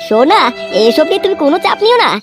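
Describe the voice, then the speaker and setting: Cartoon girlfriend, voiced by a woman, very high and lively, sweet and coaxing, music behind. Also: fast. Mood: tender. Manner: coaxing, affectionate. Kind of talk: comic cartoon dubbing. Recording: voice over loud music.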